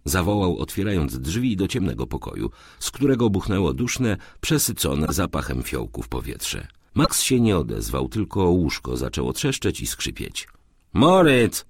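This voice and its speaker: Male narrator, literary audiobook, deep voice, dry close sound, lively. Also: normal speed, creaky, few pauses, husky, dry recording.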